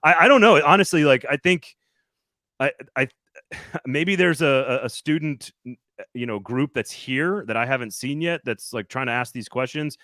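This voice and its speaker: A man's voice: medium pitch, normal speed, pushed and bright, no echo, studio quality. A man hosting a casual sports talk show, rambling and restarting his sentences often. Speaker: sports podcast host reporting on location.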